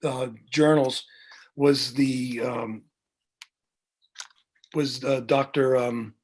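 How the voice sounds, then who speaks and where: A man's voice: medium pitch, fairly even intonation, drawn-out words, husky. A middle-aged man telling long rambling anecdotes with many fillers and restarts, as a guest on a video podcast. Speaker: guest, music director. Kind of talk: storytelling in a video podcast interview. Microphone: video call.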